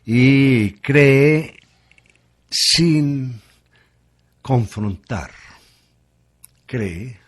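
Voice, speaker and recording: A man's voice: fairly low pitch, darkish tone, husky. A man, a guest on a radio conversation, reflecting aloud and asking rhetorical questions.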